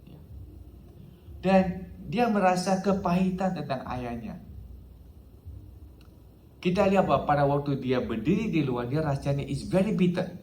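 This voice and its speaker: A man's voice: a little high, lively intonation, normal speed, pauses often, darkish tone, a little hiss or hum. A male pastor preaching a sermon, dropping English phrases into his talk and punctuating it with a frequent "ya". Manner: mixes English phrases into preaching, repeats "ya" often. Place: church hall. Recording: echoey hall, faint ambience.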